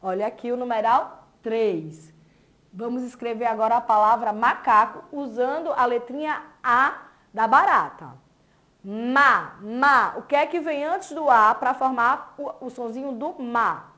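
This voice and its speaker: A young adult woman with a Brazilian Portuguese accent leads a reading lesson for small children. Her voice sits a little high, and she speaks slowly, breaking words into syllables and praising the class often. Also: pushed and bright. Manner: slow, syllable-by-syllable sounding out with praise. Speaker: teacher.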